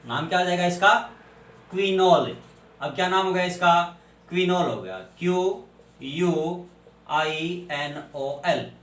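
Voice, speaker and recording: Male teacher, fairly high voice, quizzing and answering himself, roomy echo. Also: a bit bright, recorded from a distance. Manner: asks questions and answers them himself, spells out names. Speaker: chemistry teacher. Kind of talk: classroom lecture. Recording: echoey room, voice from off-mic.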